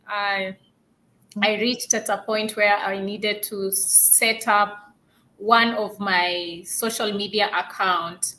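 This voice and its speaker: A woman's voice: mid-range voice, sharp tone. A woman from Kenya, earnestly telling a personal story on a video call. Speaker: digital business owner. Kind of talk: casual storytelling.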